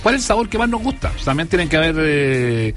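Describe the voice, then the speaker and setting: Chilean man, host, rapid chatty delivery, slightly high voice, soft music under it. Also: sing-song. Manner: quick, chatty, joking. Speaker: show host. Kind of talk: casual chat.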